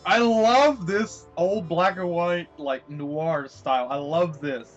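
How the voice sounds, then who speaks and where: A man's voice: a little high, slow. A slightly dull, lo-fi recording of a man hosting a reaction. He comments casually, with faint music behind him. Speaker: reaction host.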